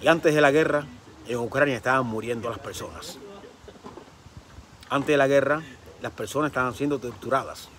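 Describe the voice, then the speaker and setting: A man's voice: mid-range voice, normal speed, long pauses, fairly bright tone, lightly acted. A man retelling the words of a young woman who works at a pool, speaking in a plain, matter-of-fact way. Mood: calm. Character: young woman pool worker, calm and blunt.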